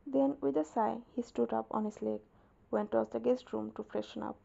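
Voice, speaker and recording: Woman with a heavy vocal fry, narrating. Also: on the high side, fairly even intonation, fairly quick, dark tone, lo-fi sound. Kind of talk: scripted fan fiction narration.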